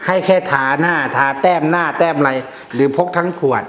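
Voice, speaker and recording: A man's voice: fairly high pitch, brisk, a bit bright, reverberant. A man who teaches about amulets, explaining in a casual, blunt way with slang and jokes.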